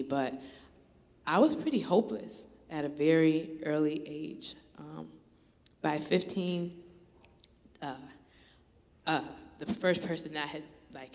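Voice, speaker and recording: A woman's voice: low-pitched, darkish tone. A woman from Buffalo, New York, sharing a personal testimony as a guest worship leader, candid and with self-deprecating humor. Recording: reverberant church hall.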